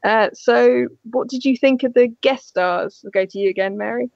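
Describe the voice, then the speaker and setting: A woman's voice: a little high, normal speed, creaky, darkish tone, dry recording. A woman hosting a podcast in casual chat, joking as she moves through her questions. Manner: jokey, leads the questions. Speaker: podcast host. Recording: dull dry recording.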